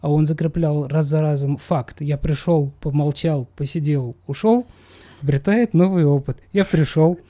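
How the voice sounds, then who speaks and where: A man with a voice on the high side appears as a psychologist guest in a conversational expert discussion. Speaking at a moderate pace in a warm tone, he coaches assertively, repeating points for emphasis.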